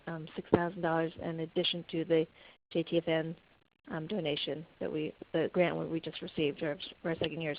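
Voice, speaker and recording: Woman camp director, earnest, restarts a lot; fairly low voice over a dull call line. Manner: earnest, storytelling with many restarts. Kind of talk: webinar talk. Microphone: conference call. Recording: muffled conference call audio.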